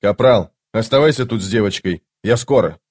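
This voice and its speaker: A stern male army captain gives short, commanding orders in a low voice. A man voices him in an audiobook. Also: moderate pace, darkish tone, breathy edge.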